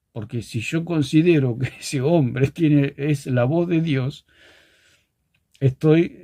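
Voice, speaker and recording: Earnest preacher, mellow voice. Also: male voice, medium pitch, dry recording, studio quality. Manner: earnest, repeats and restarts words, explains with plain examples. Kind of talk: teaching sermon.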